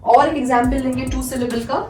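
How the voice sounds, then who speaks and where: Her high voice stays steady and brisk as she delivers a grammar lesson in classroom fashion, patiently asking and answering her own questions and repeating examples. Recorded in an echoey room from a distance, with faint music playing.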